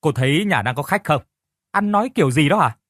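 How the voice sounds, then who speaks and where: A man's voice: medium pitch, animated, moderate pace, fairly bright tone, no room sound, studio quality. A man voicing a downcast young husband and fish farmer who speaks politely to his elder and snaps at his wife. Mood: angry. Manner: polite and deferential, flaring angry at his wife. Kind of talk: audiobook character reading.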